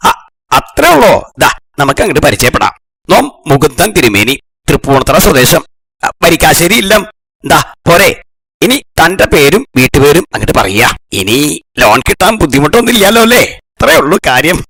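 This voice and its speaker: A man's voice: a little high, very animated, fairly quick, a bit bright, breathy edge, dry recording, heavily acted. A man voicing a pompous, grumpy middle-aged lord in a kids' cartoon, who scolds his servant haughtily and speaks of himself as "we". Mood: indignant. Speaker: title character of a cartoon.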